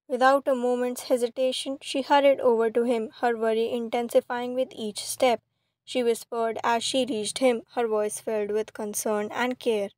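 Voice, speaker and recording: A woman's voice: on the high side, level tone, moderate pace, a little mellow, no room sound. Woman reading fan fiction, level tone. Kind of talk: storybook narration.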